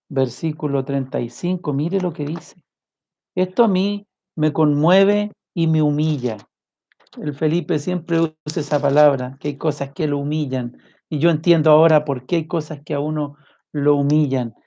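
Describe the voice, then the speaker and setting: A man preaching a sermon with passion, firing off rhetorical questions and swinging his voice high and low. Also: vocal fry. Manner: impassioned, rhetorical questions, big swings in pitch and loudness. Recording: muffled lo-fi recording.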